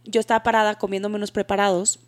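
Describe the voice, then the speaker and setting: A woman with a Mexican accent co-hosting a podcast, telling personal stories in lively, slangy casual chat. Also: mid-range voice, quick pace. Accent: Mexican Spanish. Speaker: podcast co-host.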